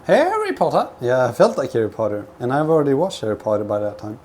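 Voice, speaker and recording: Livestreaming from his home kitchen while he cooks, a man living in Sweden rambles through personal stories, halting and swearing casually as he goes. His mid-range voice has a darkish tone and swings hugely in pitch; Swedish isn't his first language, as he grew up with several. Frying food and kitchen ambience come through clearly.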